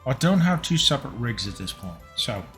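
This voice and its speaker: A man's voice: mid-range voice, very animated, fairly quick, a bit bright, soft background music. Tipsy man rambling on a cooking stream. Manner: rambling, talks to chat viewers. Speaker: livestream host cooking. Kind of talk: casual livestream chat. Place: home kitchen.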